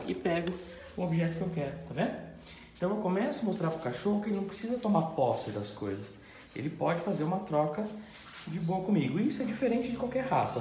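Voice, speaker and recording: A man, a dog trainer demonstrating with his dog, pointing things out to viewers between commands. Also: fairly high pitch. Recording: echoey room with background noise and a dog.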